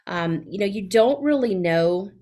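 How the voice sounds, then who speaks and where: A woman's voice: medium pitch, animated, a little slow, dark tone. A middle-aged woman with a Southern US accent, speaking as a guest in a podcast interview, with many fillers and restarts. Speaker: guest, CPA.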